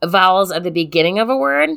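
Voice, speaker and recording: A woman co-hosting a podcast in easy, casual chat, her voice low and smooth. She talks loosely, with lots of "like" fillers, and laughs readily. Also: animated, fast talker, fairly bright tone. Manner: chatty, filler-heavy, giggly. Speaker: podcast co-host.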